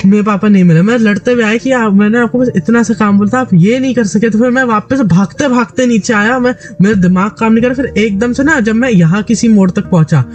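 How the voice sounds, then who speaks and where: A man's voice: high-pitched, brisk, hardly any pauses, muffled recording, faint music behind. A man from Delhi with a sore, dry throat, animatedly telling a story to a friend in casual chat, with many restarts. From Delhi, India. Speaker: gaming YouTuber.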